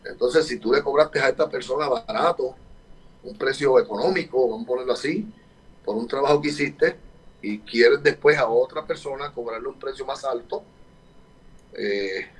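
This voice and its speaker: A man's voice: medium pitch, normal speed, distant mic, low-quality recording. A man, a photographer and workshop teacher, talking casually and emphatically in an interview, repeating his points with lots of fillers.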